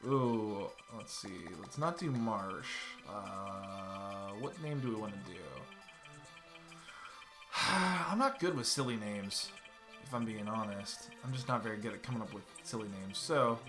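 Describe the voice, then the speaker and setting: Over music, a man in his thirties gives casual let's-play commentary from a home room, speaking at a measured pace in a voice on the low side. He chats loosely while playing, swearing casually.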